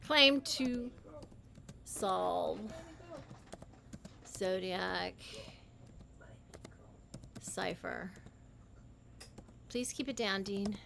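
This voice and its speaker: A woman hosting a livestream, talking in a meandering, halting way, often correcting herself as she types. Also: mid-range voice, creaky, pushed and bright, a little hiss or hum. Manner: typing while talking. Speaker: livestream host. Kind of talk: rambling livestream monologue.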